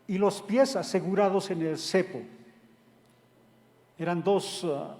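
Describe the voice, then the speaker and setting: Man, sermon, high voice, unhurried delivery, long echo. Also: a little mellow. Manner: retells a scripture story step by step, then explains it. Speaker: preacher.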